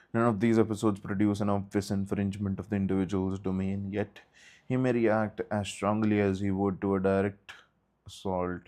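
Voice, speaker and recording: The study group leader has a lowish, dark voice with a flat delivery and moderate pace. He works through the textbook steadily, stopping here and there for quick asides.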